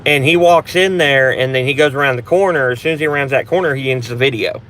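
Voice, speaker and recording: A man's voice: medium pitch, fast talker, fairly bright tone. A man hosting a casual live Q&A for a paranormal channel, talking in a rambling, blunt way with frequent restarts and some swearing.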